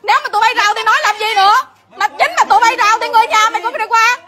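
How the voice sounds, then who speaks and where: Shrill scolding woman. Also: fairly even intonation, racing, heavy background noise. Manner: scolding, repetitive, cursing. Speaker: neighbor in a quarrel. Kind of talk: heated shouting argument.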